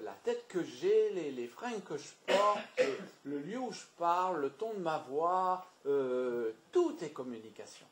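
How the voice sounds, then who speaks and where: A man trainer with a fairly high voice, speaking in a lively, emphatic way and often repeating his words. He is heard in an echoey meeting room with faint background noise. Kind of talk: communication training talk.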